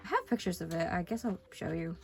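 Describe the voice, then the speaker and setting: A young woman, sick, chatting casually and rambling through a sketchbook tour, cutting herself off often. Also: on the low side. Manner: chatty, rambling, self-interrupting. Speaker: vlogger.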